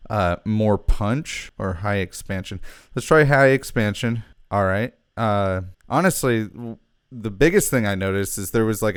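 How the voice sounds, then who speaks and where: A man's voice: fairly low pitch, clean tone, no echo, studio quality. A man hosting a casual audio gear demo, thinking aloud in a loose, chatty way. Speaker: host.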